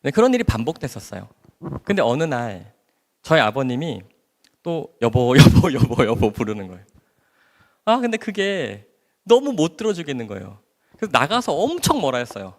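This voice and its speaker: Animated man giving a church testimony. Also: on the high side, normal speed, pauses often. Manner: emotional, animated storytelling. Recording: long hall reverb.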